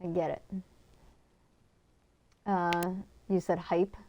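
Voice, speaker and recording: In poor audio with a little hiss or hum, a woman with a Connecticut accent casually chats with viewers while gaming on stream, reading and answering chat with lots of fillers. Her voice sits on the low side, slow, level and a little mellow.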